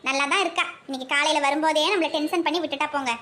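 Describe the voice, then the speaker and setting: A woman's voice: sits high, steady tone, very fast, bright, forceful tone, slight background noise. A woman voicing a hot-tempered young husband in a cartoon, with a Kanyakumari Tamil accent, grumbling indignantly.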